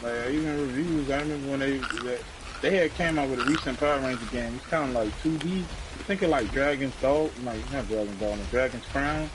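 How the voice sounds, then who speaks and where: A man's voice: medium pitch, a little fast. A young man casually chatting with a friend while playing a game, slangy and profane, rambling and laughing often. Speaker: gamer. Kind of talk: casual gameplay chat with a friend. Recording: steady rain-like background hiss.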